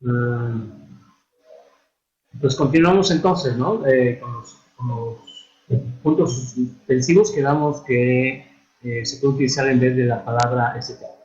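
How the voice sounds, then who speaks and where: A man giving an online lesson on writing and spelling, with a Mexican Spanish accent, unhurried and hesitant with many fillers and restarts. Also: medium pitch, darkish tone. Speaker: instructor. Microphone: computer mic for a virtual classroom. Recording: echoey, dull online-classroom audio.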